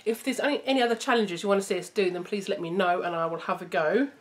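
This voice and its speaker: A woman's voice: medium pitch, lively intonation, fast. A young woman hosting a vlog, chatting casually to camera in a giggly way. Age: young adult. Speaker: vlog host. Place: room at home. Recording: faint noise, home recording.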